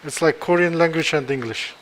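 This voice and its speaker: An interventional neurosurgeon whose first language is Kazakh gives live commentary during a procedure, his voice a little high. He speaks haltingly, thinking aloud with pauses and restarts, while a noisy room carries on behind him.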